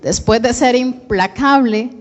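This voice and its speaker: A woman's voice: on the high side, slow, lo-fi sound. A woman with a Colombian Spanish accent preaching a sermon, asking the congregation questions and calling them to answer. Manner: calls out to the congregation, asks questions. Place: church hall. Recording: long church reverb.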